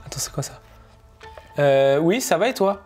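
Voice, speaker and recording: A man's voice: a little high, lively intonation, moderate pace, darkish tone, faint music behind. A young man in a reaction vlog, jittery and laughing, who repeats himself when uneasy, talking into a headset mic. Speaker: gaming and tech YouTuber.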